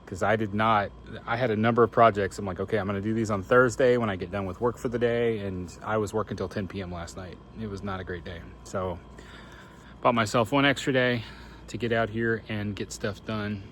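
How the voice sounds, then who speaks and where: A man's voice: on the low side, fairly even intonation, fairly quick, fairly bright tone, a little hiss or hum. A man talking in a casual, informal vlog style, thinking aloud as he narrates his chores. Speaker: RV living vlogger. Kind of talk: casual first-person vlog chat while doing chores.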